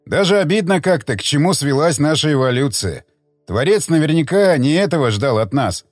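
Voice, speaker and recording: A man's voice: on the high side, expressive, no echo, studio quality, soft background music. A man voicing a weary, reflective grown man who muses wistfully in an audiobook. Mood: musing. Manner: musing, wistful, unhurried. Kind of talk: audiobook character reading.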